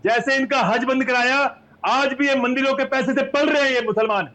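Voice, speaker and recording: A man with a strikingly high voice, combative and relentless, hammering the same points over and over. He shouts down the other panelists in a heated televised debate. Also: fairly even intonation, normal speed, rough recording.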